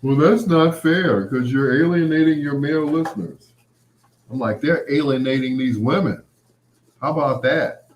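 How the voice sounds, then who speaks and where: Speaking at normal speed in a slightly high voice, a man hosts a late-night show with a casual, rambling monologue of anecdotes and quoted past exchanges. The recording is roomy and echoing, with slight background noise.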